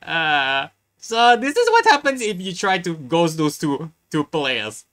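A reaction video host giving casual live commentary in a halting way, often repeating words and chuckling. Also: medium pitch, very animated, a bit bright.

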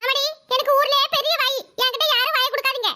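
A woman voicing a sharp-tongued, teasing middle-aged mother-in-law in a cartoon, with a Kanyakumari Tamil accent and rapid, scolding banter. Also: extremely high pitch. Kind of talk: cartoon voice acting.

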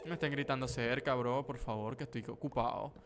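A man's voice: medium pitch, fairly even intonation, brisk, background noise. A young man giving horror gameplay commentary from home on a desk mic, chatty and prone to sudden yelps and slangy exclamations. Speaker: gaming video creator. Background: game music.

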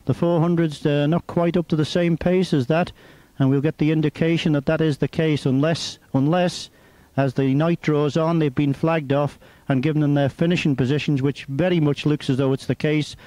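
A man with a high-pitched voice is commentating live on the radio. He follows a motorcycle race as it unfolds. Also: steady tone, moderate pace, warm tone, dry recording, rough recording.

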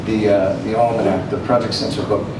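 At a film screening in a small cafe gallery, a middle-aged panelist fields audience questions in a breezy, slangy way through a handheld mic. His voice is lowish, level in tone, and a little fast, captured by a far camera in an echoey, noisy room.

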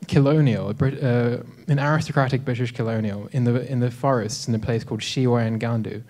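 A man in his twenties from South Africa tells a relaxed, self-deprecating story to an audience, often pausing on "um", speaking into a handheld microphone in a dim hall. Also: mid-range voice. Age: 20s. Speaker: speaker at a live talk event. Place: dim lecture hall with a projector screen.

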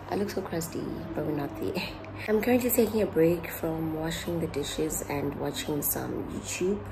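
A woman's voice: low-pitched, gravelly, background noise. A young South African woman with a South African accent chatting casually to her vlog viewers at home, easygoing and mixing in Zulu words. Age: young adult. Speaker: vlogger. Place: small apartment kitchen and bathroom, indoors.

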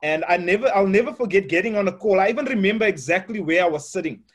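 A man's voice: high voice, lively intonation, fast, breathy edge. Chatty man hosting a call. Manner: chatty, lots of "uh, you know". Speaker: host. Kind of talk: video call interview. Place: home office with bookshelf. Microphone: webcam on video call.

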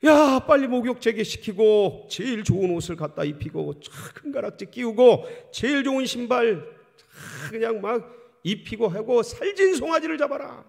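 A man's voice: high voice, big pitch swings, takes it slowly, long pauses, breathy edge, voice pushed up, heavily acted. A pastor voicing a forgiving old father. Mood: jubilant. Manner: commanding, then tender. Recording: long church hall reverb.

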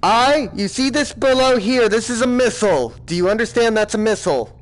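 A man with a high voice plays a bossy villain in a comedic game session. He keeps a mock-stern, exasperated tone, scolding his crew. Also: animated, a little fast. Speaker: gamer playing a villain boss. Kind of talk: comedic gaming role-play.

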